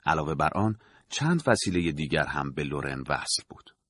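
Deep husky guy reading a story out, measured and dramatic, varied intonation. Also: lively intonation, fairly bright tone, no echo. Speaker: narrator. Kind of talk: scripted audiobook narration.

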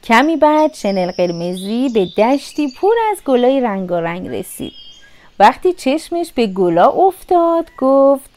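A storyteller reads a children's fairy tale aloud in a lively, sing-song manner. Her slightly higher voice swoops expressively through the storybook narration.

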